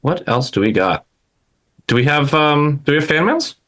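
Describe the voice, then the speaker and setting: A man co-hosting a casual podcast chat, his pitch swinging up and down as he talks. His voice is bright and forward, and he laughs easily and trips over restarts along the way. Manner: animated, laughs often, talks in quick restarts. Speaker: podcast co-host.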